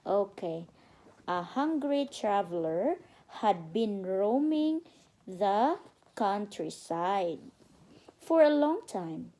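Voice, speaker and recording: A mother with a mid-range, dark voice reads a bedtime story aloud to her toddler, guiding the child through it with instructive prompts. It's captured on a phone camera, and the audio is poor.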